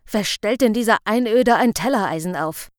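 A woman's voice: mid-range voice, animated, normal speed, no echo, studio quality, close to an everyday voice. A woman voicing an injured male police officer who snaps curt warnings and groans complaints in an audiobook reading. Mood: pained. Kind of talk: audiobook character voice.

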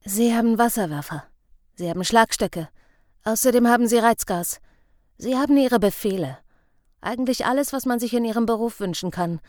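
A woman voicing a calm grown man who talks plainly and reasons steadily in an audiobook reading. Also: on the high side, moderate pace, no echo, clean studio sound, natural voice. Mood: calm persuasive. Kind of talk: audiobook character voice.

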